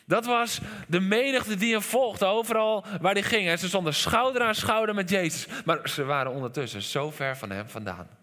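A Dutch man preaching a sermon as pastor, animated, dropping to quiet lines and sometimes shouting. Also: high-pitched, moderate pace, hardly any pauses. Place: church hall. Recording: long reverb of a church hall.

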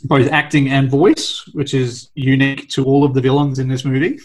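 A man's voice: mid-range voice, flat delivery, moderate pace, rough recording. A man in his thirties co-hosting a casual film review chat, who shares trivia keenly and chuckles as he talks. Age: 30s. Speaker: podcast co-host.

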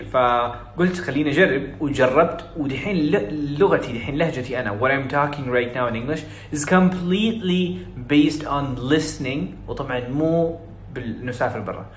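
A young man from Saudi Arabia with a Hijazi accent, coaching in an energetic, encouraging, casual teaching way. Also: a little high, a little fast. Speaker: English speaking coach. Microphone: phone video story. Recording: roomy echo, faint room hiss.

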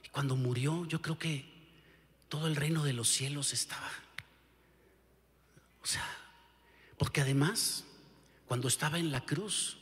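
A male pastor with a Mexican Spanish accent preaches in a fairly high voice at a slow, deliberate pace. He keeps asking the listener rhetorical questions and leans hard on key words. Long hall reverb hangs behind him. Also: a bit bright. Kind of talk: sermon. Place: church sanctuary.

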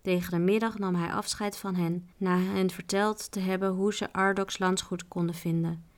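A woman reading a children's book aloud, narrating in a calm, even storyteller's manner. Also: mid-range voice, normal speed.

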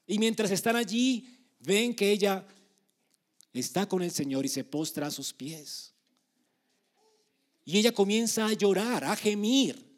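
A man preaching a sermon, emphatic, moving between hushed passages and loud, urgent ones. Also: high voice, animated, measured pace, pauses often.

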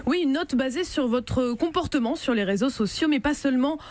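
A woman's voice: high voice, animated, brisk, a little mellow. A woman radio journalist delivering an explanatory news report that addresses listeners directly.

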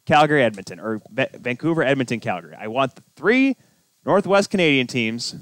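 A man with a mid-pitched voice co-hosts a sports podcast. He rambles casually through game commentary as an exasperated fan, in a dry, close recording. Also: very animated, brisk, a bit bright, dry recording. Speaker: podcast co-host.

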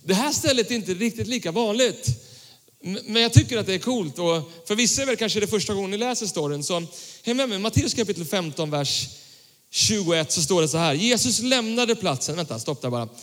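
A young male pastor preaching a casual sermon, reading scripture and talking in a relaxed, slangy way to his congregation. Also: sits high. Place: church hall. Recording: church hall with long reverb.

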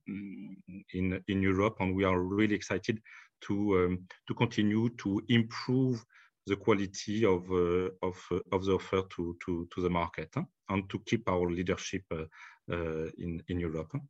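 Low-voiced French-accented man, halting. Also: level tone, no room sound, dull audio. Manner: halting, many fillers and restarts. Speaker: hospitality executive. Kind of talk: business interview.

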